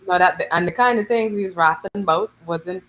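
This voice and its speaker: A Bahamian woman in her thirties, a guest musician, chatting in an interview and telling her stories in lively local slang. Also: lowish voice, a little fast, rough recording. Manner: animated storytelling, lively dialect slang. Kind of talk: casual interview chat.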